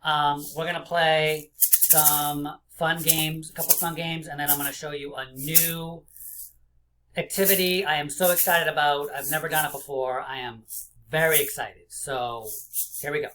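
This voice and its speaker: A man in his forties teaching young children like a kids show host, encouraging them with simple questions and pauses. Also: fairly high pitch, fairly even intonation, sharp tone, low-quality recording. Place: small indoor room.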